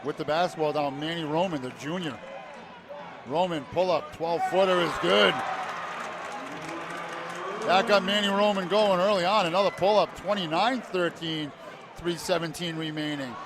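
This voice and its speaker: A man calling a high school basketball game play by play in short clipped phrases, rising to shouts on big plays. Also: steady tone, moderate pace, long pauses. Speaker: play-by-play announcer. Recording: loud crowd and arena noise. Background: cheering crowd, bouncing basketball.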